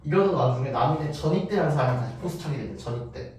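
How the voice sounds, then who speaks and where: A man's voice: mid-range voice, lively intonation, very fast, a little mellow, slight background noise. A man giving a casual storytelling history lecture, chatty, acting out quotes along the way. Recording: very echoey room, voice from far off.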